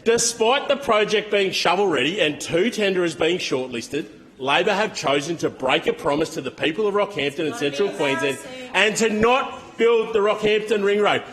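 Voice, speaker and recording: A man's voice: high-pitched, lively intonation, moderate pace, hardly any pauses, crowd noise, rough recording. A man with an Australian accent delivering a combative, emphatic speech in parliament, leaning on repetition for force. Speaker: opposition member of parliament. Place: parliament chamber.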